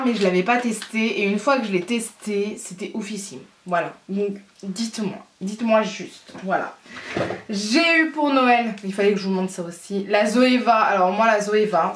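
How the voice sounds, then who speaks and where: A woman's voice: mid-range voice, a little hiss or hum. A young woman chatting casually about beauty products, full of laughs and fillers. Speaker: beauty vlogger. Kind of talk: casual haul chat. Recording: roomy sound from a distance.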